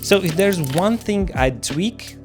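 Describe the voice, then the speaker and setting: A gear reviewer, filmmaker and channel host walks viewers through a product's details in a casual, scripted review to camera, explaining things conversationally. He speaks slowly in a high, expressive voice, with music playing in the background.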